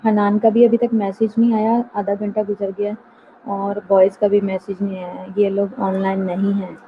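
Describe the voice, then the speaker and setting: A woman teaching a nursing class online, explaining terms patiently and slowing down to read out English definitions. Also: mid-range voice, little pitch movement. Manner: explanatory, mixes English terms, reads slowly from notes. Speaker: nursing lecturer. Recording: tinny phone-like line, faint noise.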